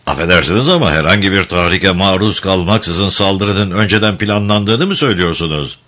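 A man's voice: low-pitched, normal speed, sharp tone. A man voicing a stern male court official who questions a witness in a formal, probing way. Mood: questioning.

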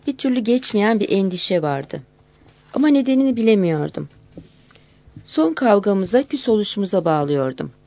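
Woman, audiobook narrator, calm measured delivery, mid pitch, dry recording. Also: gravelly, no room sound.

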